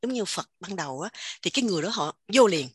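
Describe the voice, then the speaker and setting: A woman with a Southern Vietnamese accent giving an animated casual spiritual talk, repeating words in quick emphatic bursts. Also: on the low side, breathy edge, dry recording, clean studio sound. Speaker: religious teacher sharing insights.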